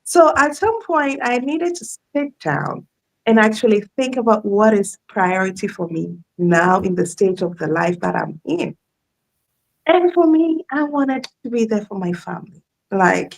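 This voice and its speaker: A woman in her thirties speaks as a guest on a live interview. She talks in a relaxed, chatty way and laughs easily. Her voice sits a little high and has a gravelly edge. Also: unhurried, low-quality recording. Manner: warm, chatty, laughs often.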